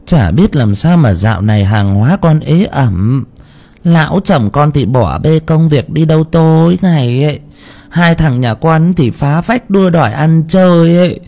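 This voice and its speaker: A high, rough voice stammers out pleas: a man acting out a flustered middle-aged seafood seller in an audiobook. She begs a medium for help and trips over her words. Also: dark tone. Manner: stammering, pleading. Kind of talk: audiobook character voice.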